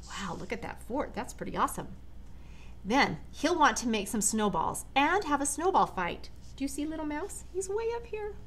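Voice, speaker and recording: A middle-aged American woman reads a children's storybook aloud in a large indoor living room, her voice high-pitched, very animated, and fairly bright at a normal speed. She reads expressively and adds chatty asides for young listeners. Background room noise comes through clearly.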